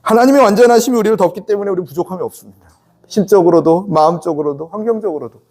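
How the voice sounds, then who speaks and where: A man's voice: high-pitched, very fast, darkish tone. A man preaching a Sunday sermon in church, conversational and interactive, often asking the congregation to answer back. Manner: acts out the sons and the father in quoted speech. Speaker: pastor. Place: church sanctuary.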